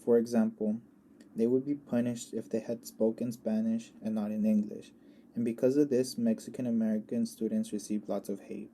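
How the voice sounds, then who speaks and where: A young man reading a prepared class presentation in a measured, explanatory way. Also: fairly low pitch, flat delivery, mellow, a little hiss or hum. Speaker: student presenter.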